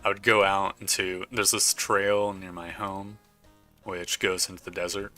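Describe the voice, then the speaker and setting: Bright-voiced man commenting on a game. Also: sits low, little pitch movement, unhurried, soft background music. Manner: chatty, reads game text aloud in a narrating tone. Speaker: gaming YouTuber. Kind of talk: casual let's play commentary.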